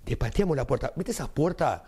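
A man's voice: mid-range voice, brisk, husky. A man with a Rioplatense Spanish accent, a carnival performer telling an anecdote as an interview guest and acting out each line of dialogue in changing voices. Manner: lively storyteller, acts out dialogue in shifting voices.

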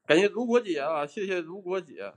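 A man's voice: sits high, animated, a little fast. A young man hosts a ghost-hunting livestream from inside an abandoned house. He talks straight to his viewers in a loose, joking way and puts on bursts of mock outrage. His voice comes through a handheld phone. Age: young adult. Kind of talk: casual livestream chat.

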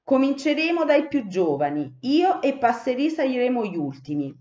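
A clever, bossy young male sparrow barks orders to his flock in a raised, high, urgent voice, as a woman reading a storybook puts him on. The sound is dull and muffled. It rings out in an echoey room. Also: very animated, normal speed, warm tone. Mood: commanding.

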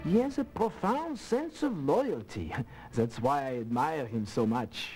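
Brief: a smooth French gentleman suspect, animated delivery, faint music under. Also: a little high, unhurried, full character voice, low-quality recording. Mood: charming. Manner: smooth, chuckling, evasive. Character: suave French uncle suspect, chess player. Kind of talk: video game voice acting.

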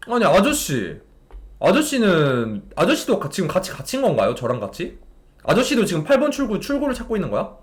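A man's voice: high-pitched, huge pitch swings, brisk. A young man streaming a game, talking in an exasperated way to a game character and his chat. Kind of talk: live gameplay commentary to chat.

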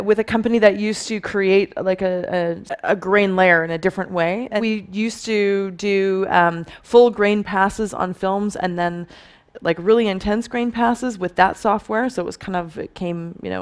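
A woman's voice: mid-range voice, clear, resonant tone. A woman in her thirties giving a conference presentation as a film colourist, thoughtful, with many fillers and restarts. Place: dim stage with dark backdrop.

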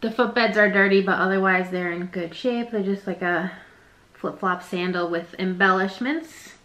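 Chatty bright-voiced woman vlogging. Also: mid-range voice, moderate pace, poor audio. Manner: rambling, self-deprecating, chatty. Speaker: reseller vlogger. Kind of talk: casual haul vlog.

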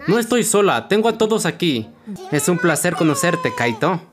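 A man's voice: high-pitched, big pitch swings, normal speed. A man voicing a bratty, defiant young girl who rules as a queen, in a snappy, scornful tone. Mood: sulky. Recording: game music behind the voice.

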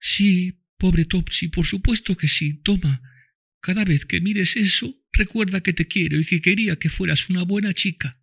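A man voicing a frail, devout little girl who speaks softly and tenderly. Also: moderate pace, creaky, breathy edge, heavily acted. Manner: soft, tender high voice.

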